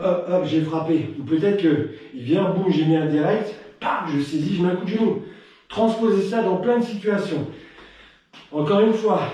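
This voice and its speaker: Teaching Krav Maga live over the internet, this Frenchman counts combos aloud, punctuates hits with punchy noises, and chats in the gaps between drills. His high voice is a little mellow, warm, and a touch out of breath. The room is very echoey, and the microphone sits far from him.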